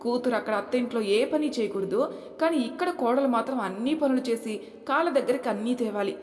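A woman's voice: on the high side, fairly quick, a little mellow, lightly acted. Woman voicing an angry grown son. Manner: heated, accusing. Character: angry grown son defending his wife. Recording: roomy hall reverb.

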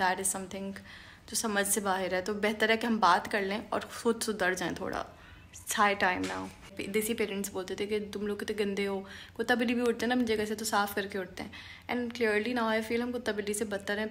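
A woman's voice: medium pitch, a bit bright. Indignant Karachi woman ranting. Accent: Karachi Urdu, mixing in English. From Pakistan. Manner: indignant, scolding, switches between Urdu and English. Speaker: vlogger. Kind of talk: ranting to camera. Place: bedroom indoors. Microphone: camera at arm's length.

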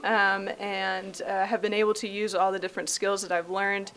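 A woman's voice: medium pitch, flat delivery, moderate pace, a bit bright. Eager young woman at a podium. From Tennessee. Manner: enthusiastic, many ums. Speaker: graduate program coordinator. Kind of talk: panel self-introduction. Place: conference room. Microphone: podium microphone.

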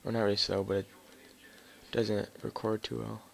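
Over a gaming headset, a man rages through casual live gameplay commentary, cursing and muttering in frustration. His fairly low voice is flat and carries vocal fry, at a normal speed.

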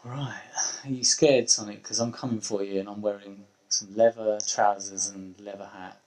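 A man's voice: lowish voice, steady tone, normal speed, a little mellow, low-quality recording. A young man streaming a video game as a hunter, chatting casually and muttering wryly to himself as he plays. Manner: wry, muttering to himself while playing. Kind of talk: casual gaming chat.

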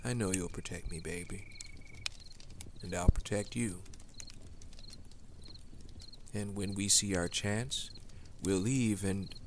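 In an intimate ASMR roleplay, a man voices a tender, uneasy demon slayer caught in a secret romance, offering soft, hesitant, affectionate one-sided dialogue. His voice sits low and unhurried, and the mood is tender and reassuring. Crickets and night nature sounds come through clearly in the outdoor recording.

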